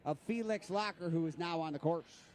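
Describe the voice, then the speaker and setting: A high-voiced man acts as race caller, announcing competitors, courses and margins as they come. Event noise is audible behind his live announcing. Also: normal speed, darkish tone. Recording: clear background noise, outdoor event ambience.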